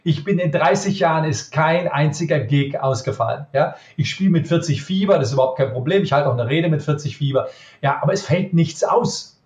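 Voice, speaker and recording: A middle-aged magician from Cologne with a Cologne accent, answering interview questions emphatically and tagging points with quick questions. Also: male voice, fairly high pitch. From Cologne, Germany. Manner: emphatic, lively, frequent "ja?" tag questions. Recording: roomy, dull lo-fi sound.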